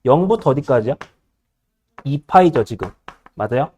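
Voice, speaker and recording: A male high school math teacher lecturing a class, bossy and teasing, always checking whether students follow. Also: lively intonation, moderate pace, darkish tone.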